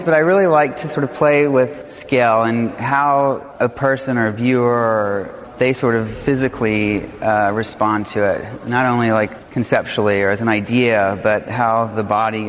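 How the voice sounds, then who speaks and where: A man's voice: mid-range voice, fairly even intonation, moderate pace, hardly any pauses. A man talking thoughtfully and unscripted as an artist about his work, searching for his phrasing. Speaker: artist, sculptor. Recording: long reverb of large hall.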